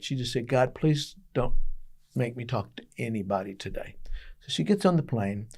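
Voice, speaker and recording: A man's voice: mid-range voice, darkish tone. Earnest man telling a devotional story. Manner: earnest storytelling with emphatic pauses. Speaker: pastor. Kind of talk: daily devotional message.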